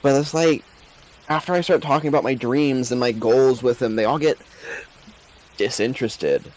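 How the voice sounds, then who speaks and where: A man's voice: mid-range voice, steady tone, moderate pace, darkish tone, natural voice, rough recording. A man voicing a flustered, lovelorn young woman who stammers about her dating troubles. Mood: rueful.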